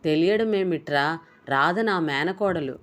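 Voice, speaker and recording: A woman voicing an excitable middle-aged man, a protective uncle who scolds and shouts in exasperation. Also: on the low side, unhurried, close to an everyday voice. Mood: angry.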